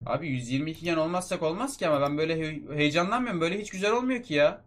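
A young man giving excited commentary on a mobile football game, talking to his viewers like friends. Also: a little high, racing.

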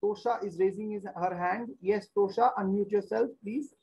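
Male teacher, online class, repeats himself, lots of pauses, computer mic. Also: sits high, fairly even intonation, muffled recording. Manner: repetitive, thinks aloud with many hesitations.

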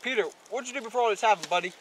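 Out in a wooded area, a young man acting in amateur film outtakes runs through his scripted lines, his high voice quick and racing but casual and unsure. It's a noisy outdoor camera recording with clear background sound.

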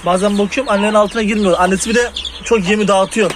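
A man with a high, steady voice talks fast to the camera as a casual poultry hobby vlogger doing chores in an outdoor chicken yard. He talks to the chickens and shoos them off loudly, and the noisy outdoor audio is full of bird sounds.

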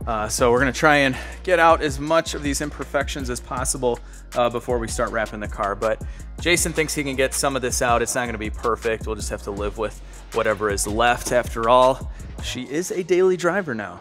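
A man's voice: medium pitch, fairly quick, a bit bright, faint music behind. A man in his thirties, an enthusiastic car vlogger, narrating and chatting in a large detailing shop. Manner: upbeat, enthusiastic. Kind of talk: vlog narration and shop chat.

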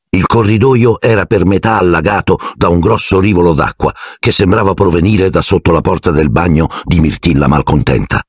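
A man narrating an audiobook in an expressive storytelling manner. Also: low voice, husky, dry recording, studio quality.

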